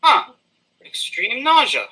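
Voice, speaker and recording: Overacting, bright-voiced young man as Macbeth. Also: extremely high pitch, huge pitch swings, slow pace, breathy edge, heavily acted, rough recording. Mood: uneasy. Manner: overacted, declaiming. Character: overwrought, guilt-ridden, commanding Macbeth in school play. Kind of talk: amateur comic stage Shakespeare.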